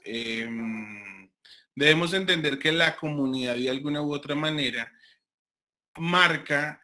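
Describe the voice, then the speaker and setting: Colombian guy teaching a class online, slow, lots of ums and restarts, bright voice. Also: medium pitch. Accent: Colombian Spanish. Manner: slow, deliberate, with frequent fillers and restarts. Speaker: university lecturer.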